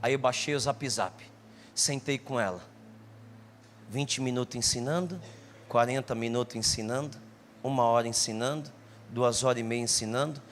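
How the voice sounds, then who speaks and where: A young Brazilian man with a Brazilian Portuguese accent preaching a jokey, animated sermon full of personal stories, sometimes rising to shouts. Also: mid-range voice, normal speed, long pauses, slight background noise. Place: church stage with live audience. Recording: long hall reverb, faint music.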